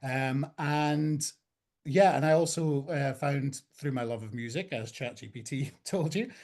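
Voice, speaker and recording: A Scottish man in his forties, a talent agent guest, talking in a relaxed, chatty way with many ums. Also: on the high side, measured pace. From Scotland. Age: 40s. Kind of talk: casual conversation.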